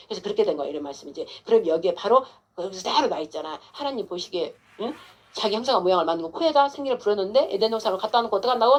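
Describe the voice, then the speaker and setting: A woman pastor giving an informal, emphatic sermon to a congregant, coaxing with frequent rhetorical questions. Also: medium pitch.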